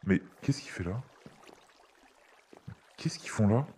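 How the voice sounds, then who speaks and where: Young male game streamer, casual and exclamatory, very lively pitch, slight background noise. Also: slow pace. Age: young adult. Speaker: live streamer playing an online game. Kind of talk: casual stream chat, reacting and thanking donors. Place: small home streaming room, indoors. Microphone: close desk microphone, gaming headset worn.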